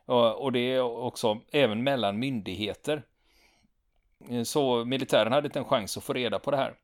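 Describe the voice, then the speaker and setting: A man narrating a true story in a loose, chatty way, pausing with fillers and restarting sentences. His voice sits mid-range for a man. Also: mid-range voice. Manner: relaxed, with frequent fillers and restarts. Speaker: podcast storyteller. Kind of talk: conversational storytelling.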